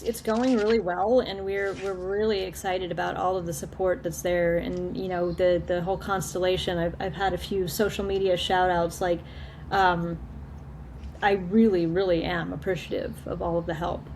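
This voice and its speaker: A woman's voice: fairly low pitch, little pitch movement, moderate pace, a little mellow, slight background noise. Chatty woman with many restarts. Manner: chatty, repeats words and restarts, laughs often. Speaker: filmmaker guest. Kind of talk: casual video call interview.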